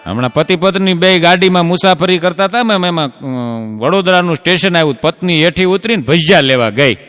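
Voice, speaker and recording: A man doing folk stand-up jokes, telling stories with drawn-out punchlines and asking the crowd "ha?". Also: fairly high pitch, expressive, fairly bright tone, big-room sound, soft background music. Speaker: stand-up comedian. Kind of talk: Gujarati folk stand-up jokes for a live audience.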